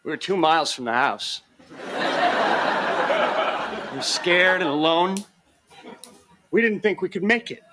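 A man's voice: on the high side, lively intonation, moderate pace, close to an everyday voice. An actor playing a wry, sarcastic young man in a sitcom, speaking with a dry delivery. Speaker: sitcom character. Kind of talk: sitcom acting. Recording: noisy TV audio with laugh track.

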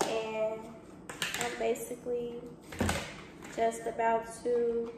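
She's a young woman vlogging a home cook-along, her speech casual and chatty as she calls viewers y'all and boo, though her fairly high voice stays monotone and slow. The setting is her kitchen indoors, captured by a camera placed at a distance on the counter. Echo fills the space, along with noticeable background noise.

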